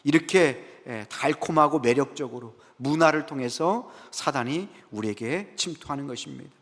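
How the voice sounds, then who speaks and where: Male pastor, sermon, mid pitch, rhetorical questions, reverberant sanctuary. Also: moderate pace. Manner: rhetorical questions, frequent "예" affirmations, lively asides to the congregation. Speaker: senior pastor. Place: church sanctuary, Friday prayer service. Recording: echoey church hall.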